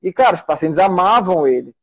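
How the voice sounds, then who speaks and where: A man's voice: sits high, animated, brisk. A middle-aged Brazilian man, a doctor and teacher hosting a casual live talk, rambling with many restarts. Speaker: host.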